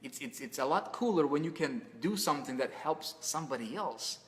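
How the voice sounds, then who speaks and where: A man's voice: a little high, lively intonation, a little fast, in a large hall. A man hosting an online webinar, giving a casual motivational talk full of fillers and restarts, often calling his viewers "man.". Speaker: webinar host.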